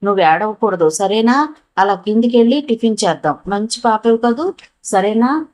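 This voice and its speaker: A woman reading as a gentle orphan boy. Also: on the high side, lively intonation, moderate pace, natural voice. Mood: coaxing. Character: kind, clever orphan boy, protective.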